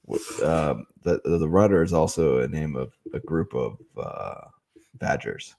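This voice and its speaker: A man's voice: rumbling low, lively intonation, measured pace, vocal fry, a little mellow. A man co-hosting a podcast in casual chat, rambling and joking with frequent hesitations, tipsy and hiccuping. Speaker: podcast co-host.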